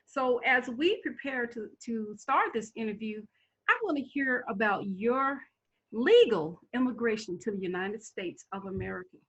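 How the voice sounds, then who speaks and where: A woman's voice: a little high, animated, moderate pace, fairly bright tone, slightly rough, lo-fi sound. A woman hosting an interview, opening with effusive enthusiasm. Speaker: interviewer host.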